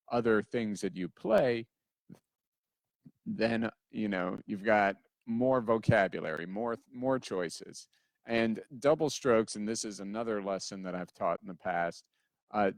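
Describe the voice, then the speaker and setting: A man's voice: fairly low pitch, dry recording. A man giving a casual drum lesson who counts in aloud and sometimes wanders off topic. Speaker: drum teacher. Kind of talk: casual instructional talk.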